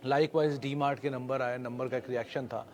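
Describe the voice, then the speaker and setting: Male market show host, mid-pitched, steady explainer with filler pauses. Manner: steady explanatory delivery with frequent filler hesitations. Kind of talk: daily stock market wrap-up.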